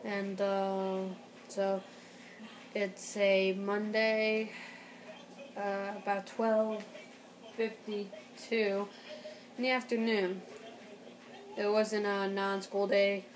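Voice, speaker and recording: A young woman giving a casual home tutorial in a halting, rambling way, as an amateur host. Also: mid-range voice, flat delivery, low-quality recording. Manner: halting, rambling delivery with throat clearing. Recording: noticeable background noise, amateur home recording.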